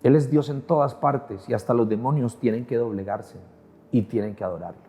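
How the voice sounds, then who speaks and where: Male pastor, warm, mellow voice, earnest sermon testimony, emphatic repetition. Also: medium pitch, fairly quick.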